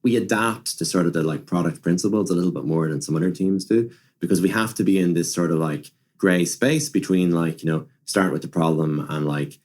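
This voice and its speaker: Talking a little fast in a low, darkish voice, this man is a machine learning director guesting on a podcast. He discusses products and technology in a conversational way, repeating and rephrasing often, with lots of "like" and "you know".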